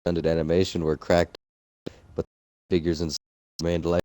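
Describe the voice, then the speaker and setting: A young man with a very deep voice reads a horror story aloud, halting and restarting lines. The sound is dry and close. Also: little pitch movement, dark tone, no room sound. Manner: halting, losing his place, restarting lines. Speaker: co-host reading a creepypasta aloud. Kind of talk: casual group reading of a story.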